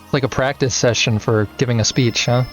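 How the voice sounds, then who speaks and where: A man's voice: medium pitch, steady tone, a little fast, faint music behind. A man streaming a video game, making rambling, self-deprecating asides. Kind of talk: casual game commentary.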